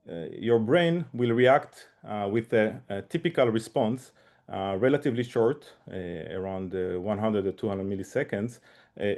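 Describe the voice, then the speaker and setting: A man presenting a research seminar, speaking haltingly with many fillers and restarts. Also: lowish voice, dark tone. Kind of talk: academic seminar talk.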